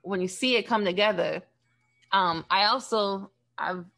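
Gravelly-voiced woman recapping a film. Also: medium pitch, unhurried, a bit bright. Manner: retells scenes acting out characters' lines. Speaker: podcast co-host. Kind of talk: casual film discussion.

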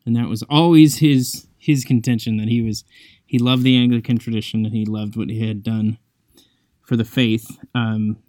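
A man's voice: medium pitch, steady tone, warm tone, no echo, studio quality. Reflective man giving a devotional talk. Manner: reflective and conversational, with many pauses. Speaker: podcast host. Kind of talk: devotional talk and scripture reading.

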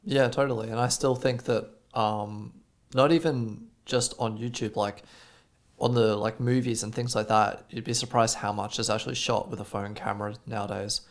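A gravelly, fairly low male voice moves at normal speed with fairly even intonation. The speaker, an Australian podcast co-host, wanders through stories in relaxed conversation, peppering it with "like."

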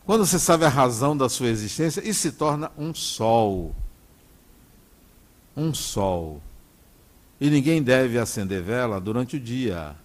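A man's voice: mid-range voice, expressive, measured pace, long pauses. A middle-aged Brazilian man with a Brazilian Portuguese accent, giving a conversational spiritual talk illustrated with personal stories. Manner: conversational, often asks "né?" to the audience. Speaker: spiritist speaker.

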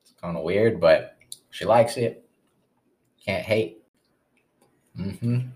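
A young man with a lowish voice rambles through a casual solo podcast. He swears easily and keeps drifting into asides. He is eating as he talks, so chewing sounds slip into his words. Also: slow, darkish tone. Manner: talks while chewing breakfast. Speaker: podcast host.

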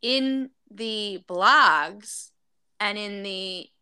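Chatty gossip co-host, woman, bright and smooth, dry close sound. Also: mid-range voice, drawn-out words, no echo. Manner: chatty, recounting with many fillers. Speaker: podcast co-host. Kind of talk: casual gossip chat.

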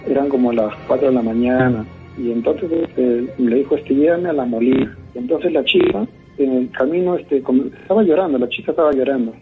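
A man's voice: medium pitch, brisk, hardly any pauses, soft background music. A man with a Peruvian accent calling into a radio show, rambling through a ghost story with many fillers and restarts over a phone line. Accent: Peruvian Spanish.

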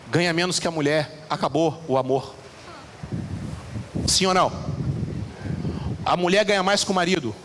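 A pastor with a high, bright voice preaching animatedly to his congregation, firing questions at the crowd. His voice rings through a reverberant church hall, with faint room ambience behind. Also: slight background noise. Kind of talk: lively sermon with audience interaction.

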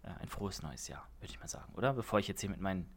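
A man's voice: low voice, lively intonation, rapid-fire, husky. A young man chatting on a casual podcast. He rambles and restarts his sentences, filling the gaps with hesitations. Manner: rambling, many fillers and restarts. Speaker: podcast co-host.

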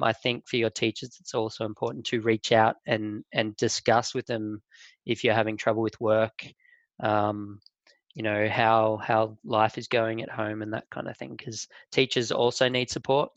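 A man who is a teacher, hosting a school podcast in a halting, rambling way. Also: fairly low pitch, little pitch movement, no echo. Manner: rambling, halting, many fillers. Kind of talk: casual podcast talk. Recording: dull lo-fi dry sound.

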